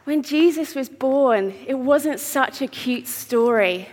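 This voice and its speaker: Woman preaching with big hall echo, rather high voice, her mic ringing through a long reverb. She speaks to a gathered congregation and projects her voice across the room. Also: slow pace. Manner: projects her voice, warm storytelling. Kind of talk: sermon with a handheld prop. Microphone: wearing a mic on the PA.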